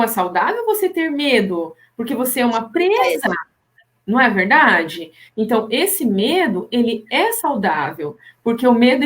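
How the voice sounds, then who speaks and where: Therapist lady chatting on a live, animated, slightly high voice. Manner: animated, acts out imagined people's lines with pitch jumps. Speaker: hypnotherapist. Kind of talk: casual live-stream chat.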